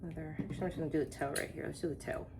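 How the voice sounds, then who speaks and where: Over a noisy background, a Texas woman with a deep, gravelly voice talks very fast in a steady tone. She's hosting a casual wreath-making tutorial, chatting and thinking aloud as she works, wandering into rambling asides.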